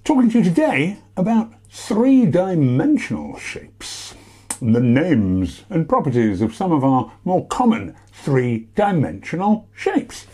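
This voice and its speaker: Cheerful British male presenter for a children's lesson, husky and mellow, with big theatrical swings. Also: fairly high pitch, measured pace. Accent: British English. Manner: animated, theatrical, sing-song emphasis. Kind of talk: playful lesson for young children.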